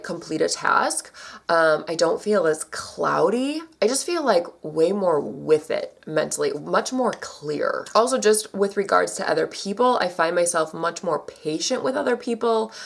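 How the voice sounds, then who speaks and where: A young woman vlogger chats casually to her camera, her voice creaky and a little scratchy from allergies. She uses lots of fillers and her pitch jumps suddenly.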